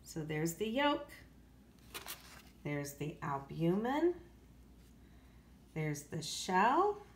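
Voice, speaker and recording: Reading extremely slowly with long pauses, a woman with a fairly low, very animated voice presents a children's nonfiction book. She is an elementary school teacher and phrases things carefully and clearly, with emphasis for young listeners. She uses a handheld phone in an echoey, hard-surfaced home kitchen, with slight background noise.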